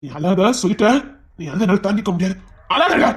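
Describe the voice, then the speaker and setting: A man's voice: high-pitched, lively intonation, a little fast. Tearful man with a Tirunelveli accent. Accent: Tirunelveli Tamil. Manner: emotional, pleading, tearful. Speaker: skit actor playing brothers. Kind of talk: family drama skit acting.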